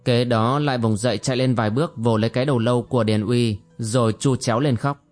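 A man narrating a martial arts novel as an audiobook, in a measured storytelling manner. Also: medium pitch, steady tone, a little mellow. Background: faint music.

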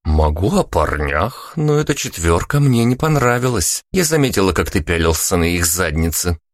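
A man's voice: sits low, big pitch swings, normal speed, dry recording, clean studio sound. A man voicing a brash, teasing young woman who fights and swears freely, in an audiobook. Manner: teasing, crude and bossy. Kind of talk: audiobook character voice.

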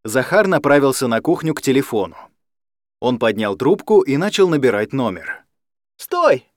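A man narrating an audiobook in an expressive storytelling manner. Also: medium pitch, normal speed, no room sound. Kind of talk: scripted narration. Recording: dry close studio sound.

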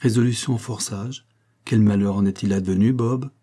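A male narrator reads a classic novel in a measured, literary way. His voice is low and dark, with a slight huskiness to it. The delivery stays even and steady throughout. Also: breathy edge. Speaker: audiobook reader.

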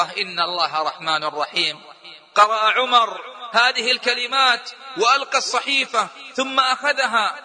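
A man preaching a sermon in emotional storytelling style, impassioned and rising toward near-shouting. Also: extremely high pitch, long reverb tail.

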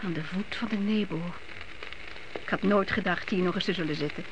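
In a noisy old radio play recording, an actress plays a devout middle-aged mother of grown sons from biblical times, earnest, reflective and motherly. Her fairly low voice moves a little fast and sounds close to an everyday voice, with lo-fi sound.

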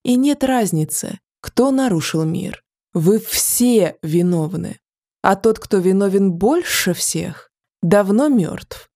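A woman's voice: mid-range voice, animated, dark tone, dry recording, clean studio sound. A woman voicing an ancient male ash tree spirit with a rustling, sneering voice, in an audiobook. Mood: stern. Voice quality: rustling, wind-like whisper. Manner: sly, sneering, drawn-out.

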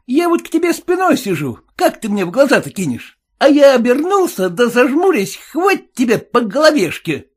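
A man voicing a suspicious, boastful peasant cab driver with a shrill, folksy way of talking. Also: big pitch swings, moderate pace, hardly any pauses, slightly rough, heavily acted.

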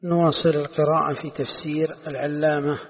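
A man teaching a classical religious text. He explains slowly, repeats his phrases, and asks the listeners questions. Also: a little high, level tone, slightly rough. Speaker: Islamic scholar teaching tafsir. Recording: tinny phone-like sound with long hall reverb.

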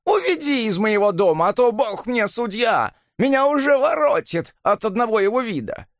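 A coarse older landlady, as a male narrator puts her on, screeches abuse in a piercing, high voice that swoops wildly. It's an audiobook reading with a dry, close sound. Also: very animated, moderate pace, dry recording. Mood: shrieking fury. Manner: shrieking, scolding, crude insults. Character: shrill coarse older woman landlady, furious.

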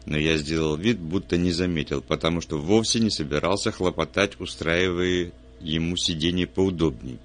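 Deep-voiced man narrating a detective story. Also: moderate pace, hardly any pauses. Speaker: audiobook narrator. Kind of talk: scripted narration of a detective novel.

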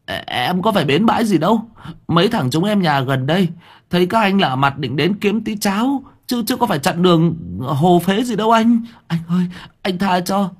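A man's voice: high-pitched, animated, moderate pace, husky, voice pushed up. A man voicing a frightened young street thug who stammers and begs. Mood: pleading. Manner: stammering, pleading.

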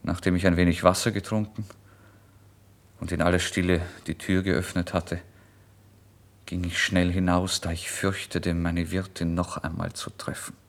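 A man narrates a classic first-person novel with measured drama. His voice sits very low. The reading is steady and literary. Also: creaky.

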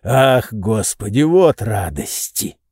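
A man's voice: fairly low pitch, expressive, slow, vocal fry, a little mellow, breathy edge, dry recording, studio quality, heavily acted. A man doing a wheezy, fawning old servant.

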